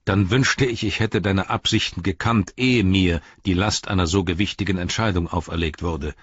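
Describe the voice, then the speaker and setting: A man reading an audiobook and voicing a calm, dutiful young captain reporting to his father in an earnest tone. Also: low-pitched, normal speed, husky, no room sound, lo-fi sound.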